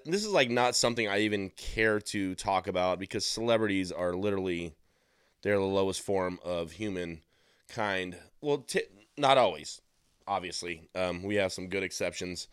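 A man with a smooth, resonant, lowish voice talks through a loose, sarcastic podcast monologue, full of ums and restarts. The sound is dry and close, with no room around it. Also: a bit bright, no room sound. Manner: rambling and sarcastic, with frequent fillers. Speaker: podcast host. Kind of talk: casual opinion monologue.

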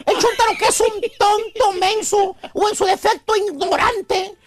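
Mocking high-voiced radio host. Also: male voice, fairly even intonation, normal speed, a crowd in the background. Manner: scolding, mocking, acts out quoted voices. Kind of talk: comedic radio monologue.

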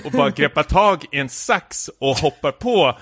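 A man's voice: on the high side, lively intonation, a bit bright, breathy edge, no room sound, studio quality. A man telling a long anecdote in casual chat, full of filler words, stumbles and restarts. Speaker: podcast co-host telling a story.

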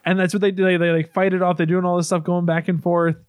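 A man's voice: high voice, little pitch movement, fast, smooth, no echo. A man casually recapping a movie in long, rambling stretches, restarting often and swearing now and then.

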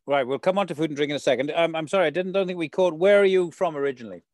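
A man's voice: fairly high pitch, very fast, darkish tone, no room sound, studio quality. A man hosting a local show, putting chatty, rambling interview questions in a conversational way.

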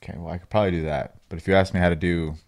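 A man chatting casually as co-host of a gaming podcast, in a somewhat halting way. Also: low-pitched, little pitch movement, a little mellow.

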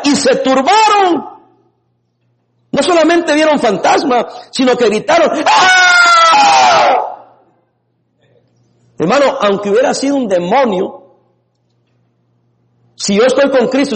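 A man preaching a lively sermon as a pastor, laughing now and then and breaking into sudden shouts. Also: very high voice, moderate pace, long pauses, some chatter behind. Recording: long reverb in a hall.

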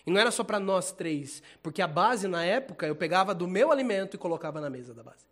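A man preaching in a loose, chatty way, full of slang and quick laughs. His voice sits high for a man. He swings from near-whispered asides to loud, excited bursts. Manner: casual, animated, slangy preaching, laughs often. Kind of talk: informal sermon.

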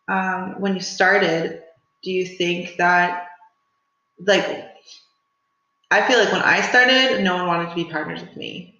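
Young woman on a podcast, bright voice, swears casually, super echoey dull room. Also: lowish voice. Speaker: podcast co-host, Muay Thai athlete. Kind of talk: casual chat.

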